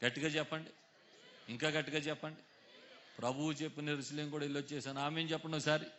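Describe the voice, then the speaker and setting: A man preaching a sermon, calling on his congregation to answer aloud, dropping low and then rising to loud exhortation. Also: little pitch movement, quick pace, slight background noise. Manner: calls on the congregation to answer loudly, swings between hushed and shouted. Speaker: pastor.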